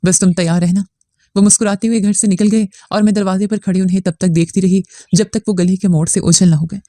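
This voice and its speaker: A woman narrating a first-person family drama story in a steady, somber manner. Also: medium pitch, quick pace, dry recording, clean studio sound.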